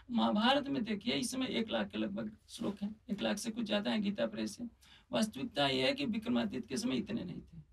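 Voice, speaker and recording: Swami panelist with a very high, gravelly voice, scholarly explainer, mic a little distant. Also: male voice. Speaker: swami panelist at a saints' conference. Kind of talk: religious discussion.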